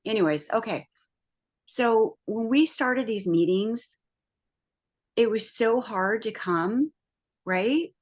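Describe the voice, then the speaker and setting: Slow, soft-spoken woman on a video call. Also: on the high side, expressive. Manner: slow, soft, reflective with many fillers. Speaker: peer support group member. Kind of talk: casual spiritual sharing on a video call. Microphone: phone on a video call.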